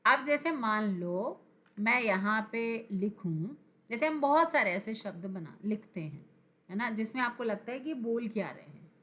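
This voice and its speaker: Slow, bright-voiced woman teaching. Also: a little high, animated. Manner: slow, emphatic, repeats key words, quizzes the viewers. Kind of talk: exam-prep grammar lesson. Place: teaching at a screen.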